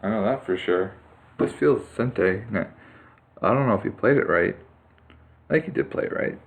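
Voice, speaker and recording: Low gravelly guy slowly talking thru his go game, lots of uhs. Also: animated. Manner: thinking aloud, hesitant, many fillers and restarts. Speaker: player commenting live on his own Go game. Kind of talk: casual live game commentary. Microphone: computer mic on a screen capture.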